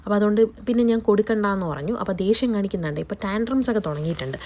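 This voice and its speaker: A woman's voice: medium pitch, expressive, very fast, darkish tone, a little hiss or hum. A young woman vlogging at home with a cold, chattily explaining her day and cooking to viewers. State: has a cold, voice changed. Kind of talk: casual vlog narration. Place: family home kitchen, indoors.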